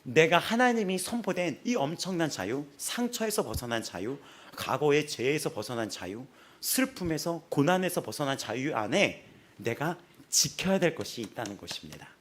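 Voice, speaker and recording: A male pastor delivering a sermon in a church, telling stories with lots of laughter. His voice sits fairly high and moves up and down a great deal. It has a husky, slightly breathy edge. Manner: lively storytelling, laughs often. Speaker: senior pastor. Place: church sanctuary.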